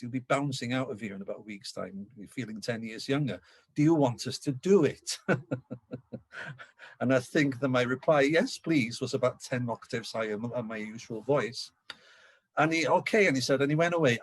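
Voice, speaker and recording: Middle-aged Welsh male speaker, lively anecdotal storyteller, mid pitch, dry recording. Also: dry recording. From North Wales. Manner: lively storyteller who acts out dialogue. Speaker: local history speaker. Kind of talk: anecdotal public talk.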